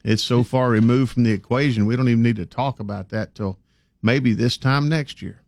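A man's voice: mid-range voice, steady tone, moderate pace, vocal fry, a little mellow, dry recording. A man giving folksy, opinionated commentary as a sports talk host. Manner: plain-spoken, folksy, opinionated.

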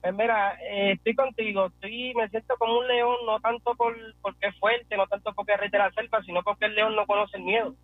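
A man's voice: high voice, fairly even intonation, fairly quick, hardly any pauses, no room sound, faint music behind. A man calling into a radio show, confident as he explains himself. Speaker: caller. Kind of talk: phone call to a radio show. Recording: tinny phone line.

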